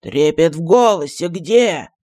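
A man's voice: a little high, darkish tone, close to an everyday voice. Mafusail, a man doing a pompous old genie. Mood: indignant. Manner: grandiose and touchy, flares up fast. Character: pompous excitable old male genie astrologer.

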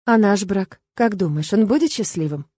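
A woman voicing a young female student heroine in an audiobook, soft and questioning, slightly plaintive. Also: mid-range voice, lively intonation, normal speed, husky, no room sound. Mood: anxious, spirited.

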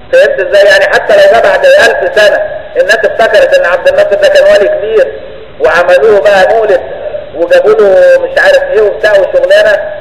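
Fast, high-voiced Egyptian man teaching religion. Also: echoey room, big-room sound, rough recording. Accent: Egyptian Arabic. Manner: conversational, keeps checking understanding. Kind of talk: colloquial religious lesson.

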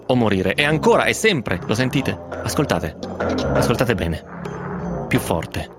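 Male radio host, lively dramatic reading over strong music bed. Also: medium pitch, unhurried. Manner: intense, building, expressive delivery. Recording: music playing under the voice.

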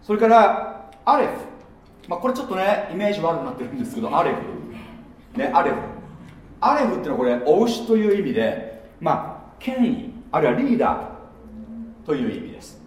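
A man's voice: sits high, big pitch swings, fairly quick, pauses often, slight background noise. A man teaching a church gathering in a chatty, casual sermon style with many fillers and asides. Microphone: no microphone, speaking in natural voice. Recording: very echoey room, voice from far off.

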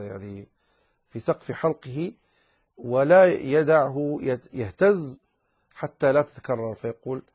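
A man teaching a recitation lesson, explaining rules patiently and pausing with drawn-out fillers while he models correct and wrong readings. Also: mid-range voice, darkish tone, breathy edge, dull audio. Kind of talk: tajweed lesson with recited examples.

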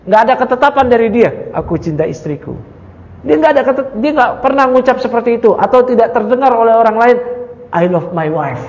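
A man teaching an Islamic study class. He recites Arabic lines and then explains them, and he often asks the audience rhetorical questions and jokes with them. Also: very high-pitched. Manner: casual with playful jokes. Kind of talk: religious study lecture. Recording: dull, echoey lecture hall recording.

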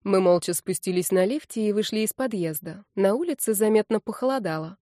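A woman reading a first-person novel aloud in a lively, expressive way. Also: medium pitch, fairly quick, no echo, clean studio sound. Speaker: audiobook narrator.

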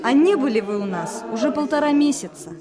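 A frank young painter girl from Kuban, answering with light teasing. Her voice is high. A clear crowd murmurs behind her on an old film soundtrack. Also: expressive, fairly quick. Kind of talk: film drama dialogue.

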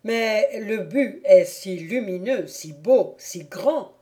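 A woman reading the part of a stern, persuasive older count speaking to his son in an audiobook, with measured, solemn delivery. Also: lowish voice, mellow.

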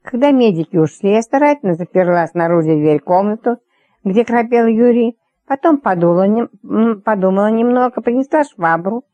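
A woman narrating an audiobook in the first person with wry, brisk storytelling. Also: mid-range voice, dry recording, muffled recording.

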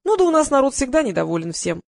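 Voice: sits high, sing-song, quick pace, creaky, no room sound, studio quality, pitched above the performer's own voice, exaggerated voice. An audiobook reader voicing a gossipy woman who complains about her old provincial theater. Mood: grumbling. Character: chatty grumbling woman, former provincial actress.

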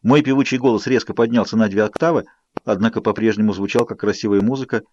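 A man narrating an audiobook in an expressive, measured first-person reading. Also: on the low side, muffled recording, background noise. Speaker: audiobook reader.

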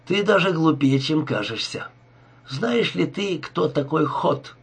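A man's voice: a little high, lively intonation, unhurried, slightly rough, heavily acted. A man voicing a cold, scheming male crook who talks with sneering irony, in an audiobook reading. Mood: scornful. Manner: sneering, ironic.

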